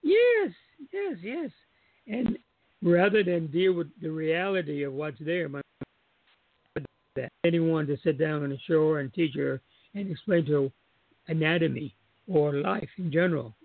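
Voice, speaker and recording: A man calling in to share a personal testimony, reflective, chuckling now and then as he recalls, his voice going hoarse. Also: a little high, animated, measured pace, no room sound. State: losing his voice. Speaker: caller. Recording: dry tinny phone line.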